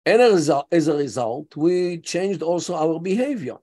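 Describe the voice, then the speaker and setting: This man in his 70s, a guest scholar being interviewed, has an Israeli accent and a fairly high, dark-toned voice with lively intonation at normal speed. He is hesitant and uses lots of fillers, but his points come out emphatic.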